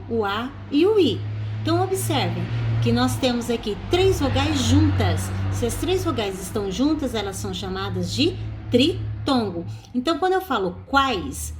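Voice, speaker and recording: Lively Brazilian woman teaching a class. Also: a little high, a little hiss or hum. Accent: Brazilian Portuguese. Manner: explains step by step, stressing example words. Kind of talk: recorded online class.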